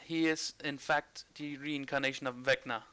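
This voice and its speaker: A man's voice: mid-range voice, steady tone, moderate pace, sharp tone, clear, resonant tone. A man narrating a tabletop role-playing game as game master in a casual, conversational style.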